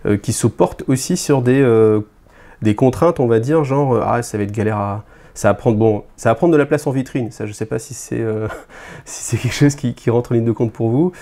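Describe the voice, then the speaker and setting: Man reviewing a gaming book off the cuff, soft dark tone, halting and chatty. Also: medium pitch. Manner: hesitant, many fillers and restarts, chatty asides to viewers. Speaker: YouTube host reviewing a wargame codex. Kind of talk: casual unscripted review.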